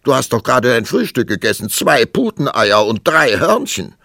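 A man's voice: low voice, sing-song, slow, gravelly, no echo, studio quality, exaggerated voice. A man voicing a quarrelsome, pompous king who snarls and blusters, raising his voice for an audiobook. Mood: blustering. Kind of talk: audiobook character voice.

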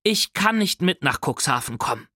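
A man voicing a firm but caring mother, speaking softly, in a storybook reading. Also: sits high, big pitch swings, normal speed, no room sound, studio quality, full character voice. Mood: soothing.

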